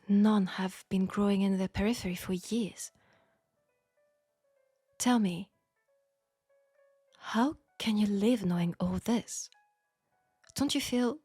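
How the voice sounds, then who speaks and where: A reproachful mood colors this intimate steampunk audio drama, where an audio roleplay performer with a French accent plays a frank, perceptive young Parisian seamstress who chides gently. Her medium-pitched voice is soft and breathy, hushed and deliberate, broken by pauses and breathy sighs. No room sound is present.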